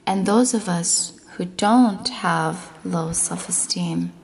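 In a slow, soothing guided meditation with affirmations, a woman speaks with a voice on the low side and a darkish tone. Now and then she slips into a breathy near-whisper.

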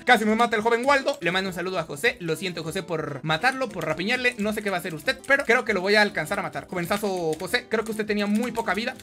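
A young man with a Mexican accent doing excitable, playful gameplay commentary, talking straight to his viewers. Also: sits high. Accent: Mexican Spanish. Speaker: gaming YouTuber.

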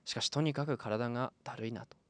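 A man's voice: mid-range voice, fairly even intonation, quick pace, no room sound. A man in his twenties narrating a tabletop role-play session as game master. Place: small padded studio room. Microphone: close studio microphone on boom arm.

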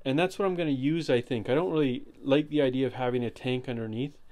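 A man giving a relaxed walkthrough of his trailer build, explaining as he goes with some fillers. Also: medium pitch, fast talker. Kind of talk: casual walkthrough tour. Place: inside a converted cargo trailer.

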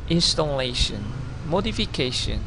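Speaking in a mid-range, sing-song voice with background noise behind him, this Vietnamese man in his thirties talks through slides for his video CV. A native speaker of Vietnamese with an accent, he is halting and often corrects himself.

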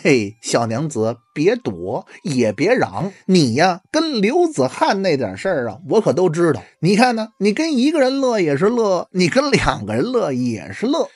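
A storyteller voicing a leering middle-aged male grain official who coaxes and threatens in a low, menacing voice, with a dry, close sound. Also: sing-song, normal speed, hardly any pauses, a little mellow, no echo.

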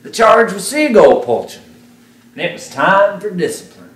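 A man's voice: sits high, big pitch swings, normal speed. A middle-aged man reciting comic rhyming cowboy poetry live in a folksy storytelling manner. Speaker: cowboy poet. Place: small indoor stage in a man cave venue. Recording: roomy, distant mic, faint noise.

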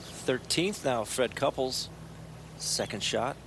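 A male golf commentator speaks at a middling pitch as he describes play live. Clear noise sits behind his voice in the outdoor broadcast. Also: slow pace.

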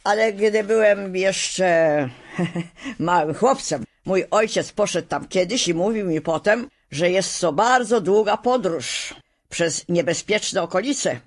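Lady reading a calm tin man from a storybook, steady, not scared of anything. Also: fairly low pitch, slow.

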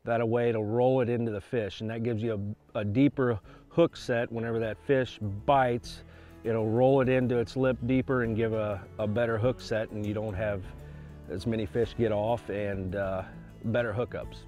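A man who fishes catfish tournaments, calmly explaining his rig step by step from a boat. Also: on the low side, moderate pace, soft background music. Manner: steady, practical instructional talk. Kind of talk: casual how-to demonstration. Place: open boat on a reservoir.

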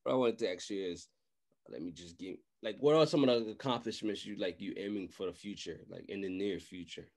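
A young adult man hosts and conducts a casual podcast interview over a video call from a small room at home, speaking close to a large desk microphone. His voice is low with a darkish tone and a fairly quick pace, and he talks informally, often repeating tag phrases like "you know what I mean".

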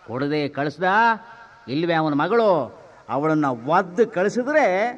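A stingy elderly master, gruff and bossy, with a fairly high voice. He talks in short, clipped lines. The recording is muffled and lo-fi. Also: big pitch swings, takes it slowly, full character voice. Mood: scheming. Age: older. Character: stingy elderly male master scheming over dowry. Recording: dull lo-fi drama recording.

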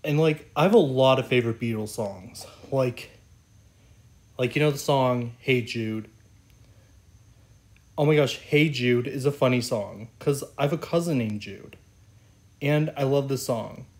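A man's voice: mid-range voice, a little slow, pauses often, a little mellow. A man hosting his own channel, chatting casually and enthusiastically about singers, rambling with lots of "like" and "oh my gosh". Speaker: YouTube channel host.

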